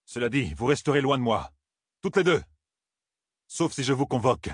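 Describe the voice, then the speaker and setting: A man's voice: medium pitch, expressive, normal speed, slightly rough, no room sound, clean studio sound, voice pushed up. A man voicing a stern, burdened young man in an audiobook, speaking in a commanding, clipped way. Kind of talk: audiobook character voice.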